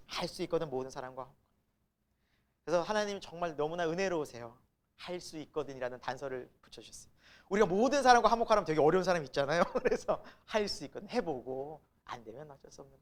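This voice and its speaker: A male pastor preaching a sermon, asking the congregation rhetorical questions, swinging between loud emphasis and soft asides, with chuckles between points. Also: a little high.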